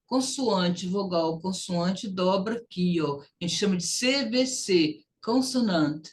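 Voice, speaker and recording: A woman's voice: fairly low pitch, animated, slow pace, a little hiss or hum. A woman English teacher, leading a recorded lesson and drawing out phrases for students to repeat.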